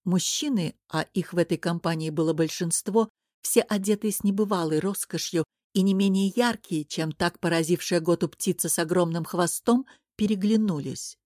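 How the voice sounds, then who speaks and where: A woman's voice: lowish voice, normal speed, darkish tone, no echo. Woman narrating a fantasy audiobook, dry.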